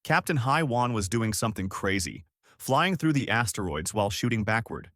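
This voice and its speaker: Lively male story narrator. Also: on the low side, normal speed, no echo, studio quality. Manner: steady, expressive storytelling.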